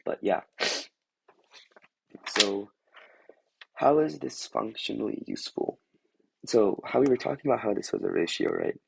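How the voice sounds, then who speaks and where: A young man, hoarse after losing his voice, giving a casual chemistry review and rambling with lots of "like" and "um" as he thinks aloud. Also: medium pitch, lively intonation, moderate pace, a little hiss or hum, poor audio. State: hoarse from a lost voice. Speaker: student tutor. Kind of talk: casual chemistry review over a drawing screen.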